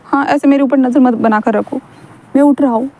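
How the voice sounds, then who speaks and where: A patient, caring young man voiced by a woman narrator who calmly reassures a child. The voice sits high and stays mellow. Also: fairly quick. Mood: sleepy. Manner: soothing, reassuring.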